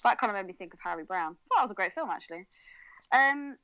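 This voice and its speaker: Woman, podcast co-host, animated pitch, bright tone, chatty with frequent laughs. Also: quick pace, rough recording. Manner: chatty, laughs often, thinks aloud with fillers. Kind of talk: casual film discussion. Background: faint music.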